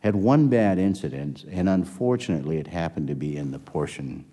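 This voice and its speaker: A man's voice: low-pitched, lively intonation, brisk, warm tone. An older man being interviewed about his career, telling stories at a rambling pace, with many restarts. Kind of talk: oral history interview storytelling. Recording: long hall reverb.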